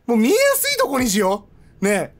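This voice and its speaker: A man streaming a horror game, panicky and rough-spoken, often shouting in fear. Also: very high-pitched, huge pitch swings, fairly quick. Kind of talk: horror game let's play commentary.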